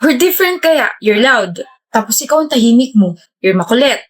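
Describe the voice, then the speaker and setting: A woman's voice: fairly high pitch, big pitch swings, moderate pace. A woman acting out scripted POV comedy skits, switching between playful characters. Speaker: comedy skit creator.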